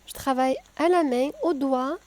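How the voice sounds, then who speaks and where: A woman with a southern French accent, calmly explaining a cooking tutorial step by step, with frequent hesitations. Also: sits high, moderate pace, no echo. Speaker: home cook.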